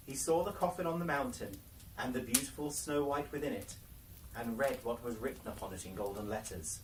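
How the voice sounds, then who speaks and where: A library storyteller, a man with a medium pitch, reads a fairy tale aloud with dramatic flair, using theatrical, carefully measured phrasing. The audio is noisy, and he sounds slightly distant from the microphone.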